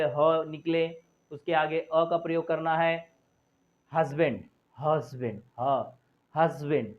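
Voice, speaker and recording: Man, English teacher, drills words by repetition, thin phone-like sound. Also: fairly high pitch. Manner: repeats words and sounds slowly to drill pronunciation. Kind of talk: classroom-style grammar lesson. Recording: tinny phone-like audio.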